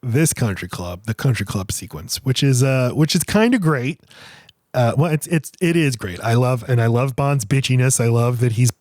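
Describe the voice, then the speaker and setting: A man's voice: medium pitch, animated, moderate pace, a little mellow, no room sound, studio quality. A man co-hosting a movie review podcast in casual chat, rambling and restarting sentences, slipping into silly voices to quote scenes. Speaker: podcast co-host.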